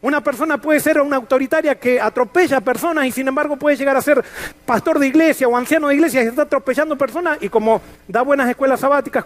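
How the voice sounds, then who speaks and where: A male pastor preaching a sermon in an earnest, emphatic way, asking the congregation rhetorical questions. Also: very high-pitched. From Latin America.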